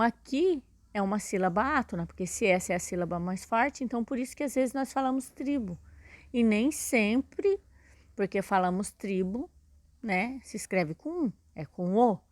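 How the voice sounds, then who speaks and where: A woman's voice: on the high side, dry recording. A woman teacher with a Brazilian Portuguese accent giving a recorded lesson, explaining step by step and checking in with "né?" and "tá?". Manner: patient, explains step by step with many "né?" and "tá?".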